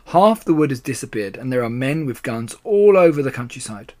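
A man voicing an excitable, anxious badger in a children's story, with blustery, emphatic exclamations. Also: on the high side, a little slow. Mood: frantic. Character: excitable, anxious adult male badger, starving digger.

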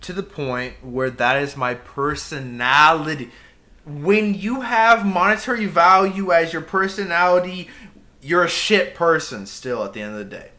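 Bright-voiced man rambling in casual chat. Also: fairly high pitch, a little slow. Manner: rambling, animated, swears freely, talks with hands on table.

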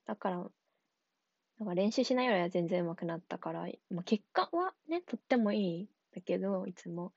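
A young adult woman talking casually on her own, relaxed and rambling, with many fillers and frequent laughs. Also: mid-range voice, vocal fry, breathy edge, dry recording, dull audio. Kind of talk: casual solo talk.

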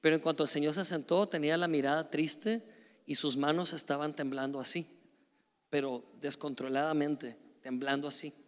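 A man preaching a sermon, telling stories in a lively, conversational way with frequent tag questions. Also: on the high side, moderate pace, big-room sound. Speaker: pastor. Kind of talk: sermon with storytelling.

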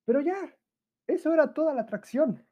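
A late-teen podcaster, nineteen years old, talks alone on a casual show in a Mexican Spanish accent, full of slang and laughter, and acts out his friends' voices. His pitch is extremely high and expressive, his speed normal, and the sound mellow.

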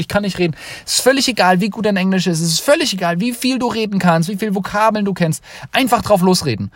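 A young man hosts a podcast, delivering an unscripted motivational monologue in a voice that's a little high. He talks freely and emphatically, repeating points to drive them home. The recording is dry.

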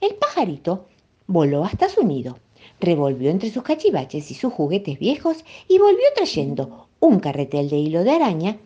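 A woman with a Rioplatense accent reading a children's story aloud in an expressive, playful manner. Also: on the low side, normal speed, breathy edge. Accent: Rioplatense Spanish. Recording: dull lo-fi recording.

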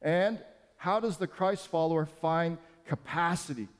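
A man's voice: a little high, unhurried, clear, resonant tone. Earnest male pastor in a reverberant hall. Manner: earnest, conversational, with small restarts and self-deprecating humor. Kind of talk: sermon.

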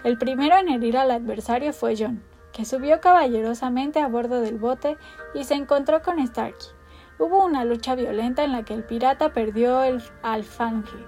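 High-voiced woman reading a storybook. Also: moderate pace, darkish tone, faint music behind. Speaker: narrator. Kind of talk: storybook narration.

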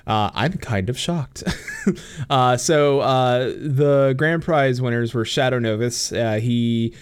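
Slow and smooth, his medium-pitched voice comes across on a dry recording. The young man is a co-host of a casual gaming podcast, speaking over a voice call through a computer mic while giggling often, swearing freely and leaning on plenty of fillers.

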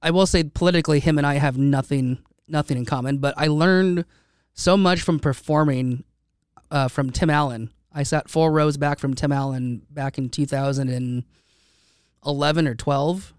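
Brief: male podcast host, smooth resonant voice, a bit high, rambling casual chat. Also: steady tone, normal speed, no room sound, clean studio sound. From United States. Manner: rambling, with many restarts and fillers. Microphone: studio microphone.

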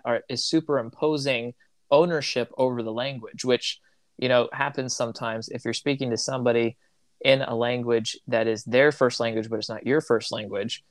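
A mid-range male voice, recorded dry, belongs to a missionary who grew up in Tanzania. Telling a story in casual conversation, he rambles, reflects, and corrects himself, often restarting his sentences.

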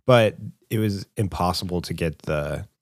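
A young man with a deep voice co-hosts a podcast at a moderate pace, heard in a dry, clean studio recording. His casual chat wanders, with frequent fillers and restarts.

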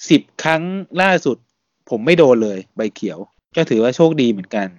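A man hosting a casual podcast, talking in a relaxed, chatty way and laughing often. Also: medium pitch, a little fast, no echo, muffled recording. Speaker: podcast host.

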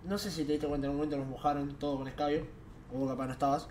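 A young man with an Argentine Rioplatense accent tells a story in a casual, animated way, full of slang and laughs. His voice sits high. A faint hum of background noise runs under the recording. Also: racing. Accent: Argentine Rioplatense Spanish. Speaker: streamer telling an anecdote.

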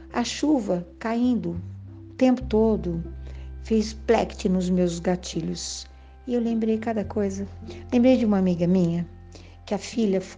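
An older woman shares memories in a mellow, dark-toned voice. She muses gently and often turns to the listener with small asides. Faint music plays softly behind her. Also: medium pitch. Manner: gentle, musing, with soft laughs and asides to the listener. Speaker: vlogger. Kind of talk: reflective storytelling monologue. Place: home, indoors.

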